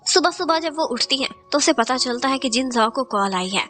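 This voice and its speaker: A woman's voice: high voice, expressive, normal speed, a bit bright, faint music behind. A woman narrating a recap of a drama, retelling each scene in Hindi sprinkled with English words. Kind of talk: scripted storytelling recap.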